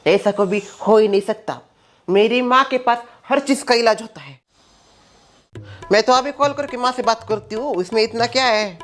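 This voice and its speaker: A man's voice: very high-pitched, normal speed, a bit bright, faint music behind. A man doing a chatty, naive young woman. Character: naive, chatty young daughter-in-law turned businesswoman. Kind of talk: comedy sketch.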